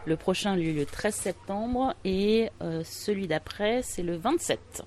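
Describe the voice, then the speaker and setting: A woman's voice: medium pitch, expressive, unhurried, darkish tone. A woman who runs an English conversation workshop, answering interview questions hesitantly with many fillers.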